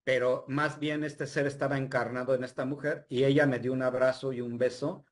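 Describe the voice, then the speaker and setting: Man, casual storytelling, mid-pitched voice, animated retelling. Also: a little fast. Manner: animated retelling with quoted dialogue, many fillers. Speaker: guest storyteller.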